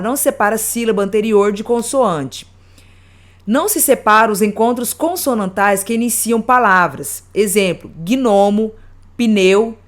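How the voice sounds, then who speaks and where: A woman gives a grammar lesson at a middle pitch. She spells out each example slowly and deliberately, one word at a time. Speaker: teacher.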